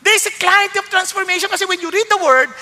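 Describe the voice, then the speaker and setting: A Filipino-accented man preaching a sermon as pastor, mixing Tagalog and English, moving from quiet reflection to loud rebuke. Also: very high voice, quick pace, long reverb tail.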